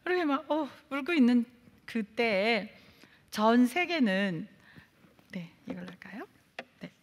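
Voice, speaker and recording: A woman missionary from Canada giving a testimony sermon, telling her story in a lively way and acting out her own prayers and replies. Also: fairly high pitch, a little slow, in a large hall, slight background noise. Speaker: missionary preacher.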